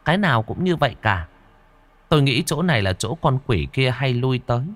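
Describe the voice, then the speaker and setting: A man voicing a calm, watchful spirit that gives quiet warnings in a spoken horror story. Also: mid-range voice, brisk, pitched above the performer's own voice, close to an everyday voice. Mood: hushed warning. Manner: hushed and cautioning.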